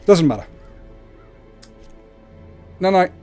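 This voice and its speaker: A man's voice: high voice, lively intonation, slow, a little mellow, soft background music. A man hosting a livestream, casually explaining the video game he plays. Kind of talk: casual explanatory gameplay commentary. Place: indoors at a computer, webcam.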